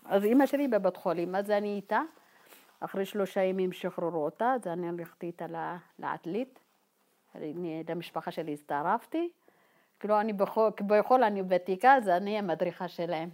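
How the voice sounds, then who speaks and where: Woman from Ethiopia, personal testimony, halting and informal, slightly low-pitched. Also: a little mellow. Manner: halting and informal, many fillers, acts out remembered dialogue. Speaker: guest telling her life story. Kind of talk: personal testimony told to a group.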